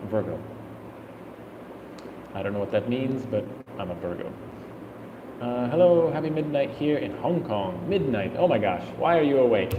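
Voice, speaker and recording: A man's voice: mid-range voice, dull audio, background noise. Thirties male travel vlogger, casual rambling Q and A, echoey room with a long tail. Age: 30s. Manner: casual, rambling, thinks aloud while reading chat. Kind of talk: live stream Q and A.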